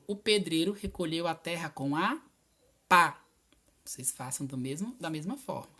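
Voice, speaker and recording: A woman teacher, patiently going over homework answers in a recorded video lesson and spelling out each word slowly. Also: on the low side, fairly bright tone. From Piauí, Brazil.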